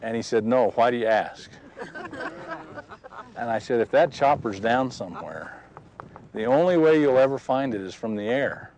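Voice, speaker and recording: A man's voice: medium pitch, lively intonation, normal speed, long pauses, darkish tone, low-quality recording. A man giving an earnest personal faith testimony outdoors at a historic site, acting out the dialogue as he tells it. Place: outdoors on a ridge.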